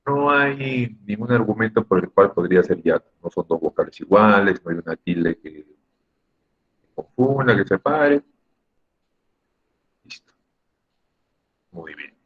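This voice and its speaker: Deep husky man teaching. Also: muffled recording. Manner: patient, explains step by step, asks the class questions. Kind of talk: online class on Spanish grammar. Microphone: computer mic on a video call.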